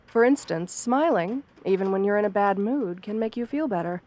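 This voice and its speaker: Soft-spoken at a medium female pitch, this woman portrays a wolf-girl therapist in ASMR, sounding expressive yet close to her normal voice. She chooses formal words with measured care and remains gentle, composed and reassuring, guiding the listener calmly.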